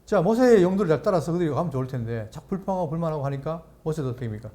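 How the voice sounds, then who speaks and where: A middle-aged male pastor teaching a Bible lecture, asking his listeners rhetorical questions and reading scripture passages slowly. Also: a little high, lively intonation, dark tone.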